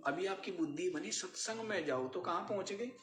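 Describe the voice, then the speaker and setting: A man's voice: high-pitched, fairly quick, a crowd in the background. A man giving a spiritual discourse as a swami, often quizzing his listeners with short questions. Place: ashram hall. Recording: echoey room, faint hiss.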